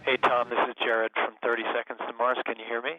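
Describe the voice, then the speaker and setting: A man's voice: mid-range voice, monotone, fast. A man asking casual, curious questions over a radio link like a sci-fi communicator. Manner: curious, easygoing questions with fillers. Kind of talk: casual live chat. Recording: tinny dry radio line.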